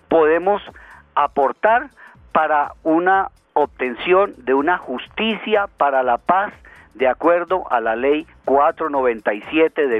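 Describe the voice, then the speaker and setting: A man speaks over the phone, talking very slowly and haltingly with many fillers. His slightly high voice comes through a tinny phone line with faint music underneath. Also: dry recording. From Colombia. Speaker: radio caller.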